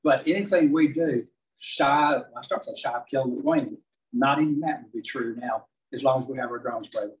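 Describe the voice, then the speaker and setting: Middle-aged Texan man, club presenter, steady mid pitch, distant room sound. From southeast Texas. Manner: measured, frequent "uh" fillers. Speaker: beekeeping presenter. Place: large meeting hall with projector.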